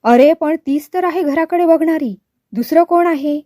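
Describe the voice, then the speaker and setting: A woman reading the lines of a stern, hot-tempered older father in a storybook, gruff and scolding. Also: high voice, normal speed, no echo, clean studio sound, lightly acted. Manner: gruff, scolding, shouting in anger.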